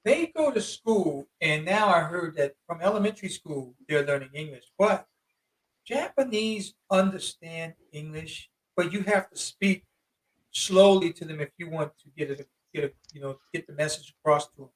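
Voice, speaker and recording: A man in his fifties with a notably high voice tells a casual story as an interview guest, animated and slangy, pressing hard on his points. He speaks at normal speed, sitting a little back and far from the microphone, and the audio is poor.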